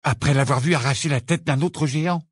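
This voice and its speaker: A man reading the part of a blunt, incredulous teenage wizard boy in an audiobook, firing off quick, disbelieving questions. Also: fairly high pitch, dry recording, clean studio sound, close to an everyday voice.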